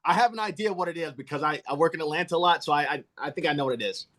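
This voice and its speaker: An American man hosts a podcast chat, his words tumbling out at a quick clip. He is eager and keeps stumbling and restarting mid-sentence. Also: fairly high pitch, fairly bright tone. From United States. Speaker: podcast host. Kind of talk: casual podcast interview.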